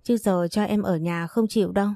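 A woman voicing a polite, gentle young pregnant wife in a read-aloud storybook. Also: mid-range voice, steady tone, brisk, creaky, dry recording, studio quality, lightly acted. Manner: polite, soft-spoken.

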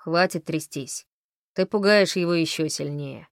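Woman reading a gruff, deadpan big man. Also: fairly low pitch, normal speed, dry recording, close to an everyday voice. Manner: flat, dry, even.

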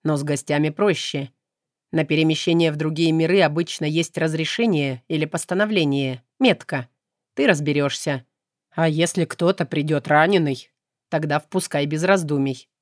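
A woman voicing a calm, aloof male demon in an audiobook, speaking in an unhurried, detached way. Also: deep voice, no room sound, studio quality, lightly acted. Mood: cool. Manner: unhurried, detached, flat delivery. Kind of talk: audiobook character reading.

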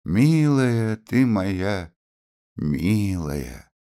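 A gentle, kind older mother, voiced by a man reading aloud, speaking softly with a sighing simplicity. Her lines are lifted well above the reader's low voice, in a storybook reading. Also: lively intonation, takes it slowly, clear, resonant tone. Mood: tender.

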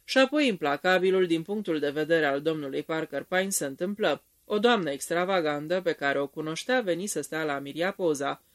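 Narrator steady storytelling, reading a novel aloud at a table read. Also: mid-range voice, few pauses.

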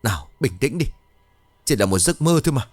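A man voicing a young husband who patiently coaxes his distraught wife to calm down. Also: mid-range voice, brisk, no room sound, soft background music, voice pushed up. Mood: soothing. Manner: calming, gentle coaxing.

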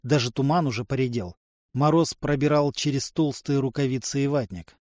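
A man's voice: moderate pace, darkish tone, no echo. A man narrating an audiobook, lifting his voice for the characters' dialogue. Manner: voices characters by raising pitch. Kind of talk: scripted narration.

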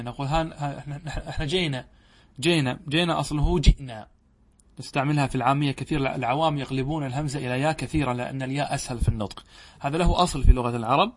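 A man's voice: medium pitch, a little mellow. A middle-aged man, a religious scholar, teaching a classical Arabic grammar lesson, explaining patiently and checking that his students follow. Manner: reads quoted verses aloud slowly.

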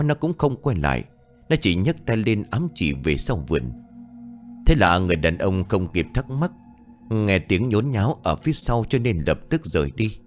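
A man reading a ghost story aloud in a dramatic, measured way. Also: low voice. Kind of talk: scripted ghost story narration. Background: faint music.

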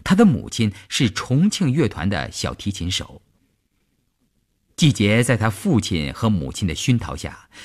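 Expressive male radio storyteller. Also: fairly low pitch. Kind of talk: scripted long-form story narration.

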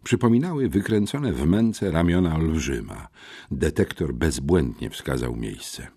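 Deep, husky man narrating an audiobook. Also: unhurried. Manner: expressive storytelling.

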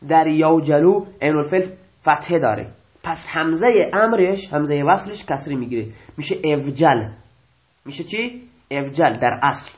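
A male teacher giving a grammar lecture, reading out rules and restating them slowly, often asking and answering his own questions. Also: on the high side. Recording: dull lo-fi recording.

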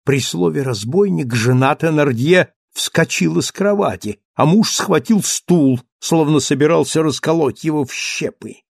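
Gravelly guy reading an audiobook, dramatic and measured, super dry close sound. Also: on the high side, dry recording. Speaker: audiobook narrator.

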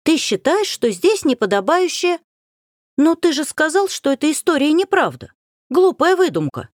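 A woman doing a pert, high-voiced young girl. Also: very animated, normal speed, dry recording, clean studio sound. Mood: excited. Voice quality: high, bright girlish voice. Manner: pert and spirited, with sudden exclaims. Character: young girl, lively, teasing, headstrong.

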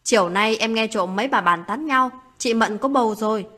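A woman voicing a young village girl in a read-aloud story, confiding gossip urgently with a husky voice. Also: on the high side, brisk, a bit bright.

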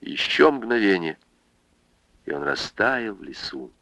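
A man narrating a literary novel as an audiobook, with an expressive, dramatic reading. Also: on the low side, slow, vocal fry, a little hiss or hum, poor audio. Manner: dramatic, emotive reading with big swings.

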